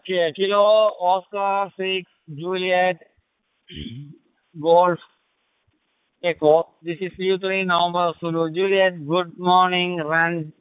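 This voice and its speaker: A South Indian man with a high, smooth voice works a ham radio. He is polite and formulaic, often repeating call signs. The transmission is dry and thin, squeezed like a phone line. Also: no room sound. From Kerala, South India. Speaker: amateur radio operator. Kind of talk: ham radio contact exchange. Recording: tinny, narrow-band ham radio link.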